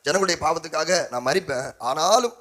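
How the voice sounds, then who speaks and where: A man's voice: on the high side, animated, a little fast, pushed and bright. A man preaching a sermon as pastor, with a Tamil accent, calling on the congregation to answer and repeating phrases in rising, rhythmic exhortation. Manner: call-and-response preaching, prompting the congregation.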